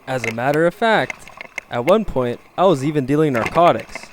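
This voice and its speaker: A young man narrating his own mountain biking video in a deadpan, joking voice-over. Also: mid-range voice, moderate pace, very noisy. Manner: deadpan jokey storytelling. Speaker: mountain bike vlogger.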